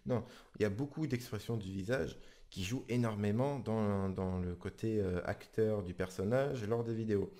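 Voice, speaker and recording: Gaming YouTuber, a man, loose and repetitive in a casual tutorial, warm, dark tone. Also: lowish voice, normal speed.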